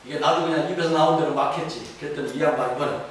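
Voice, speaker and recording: A middle-aged man preaching a sermon as pastor, telling stories and rising to fervent shouts. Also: fairly high pitch, fairly even intonation, fast talker. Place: church sanctuary. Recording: very echoey hall from far off, faint noise.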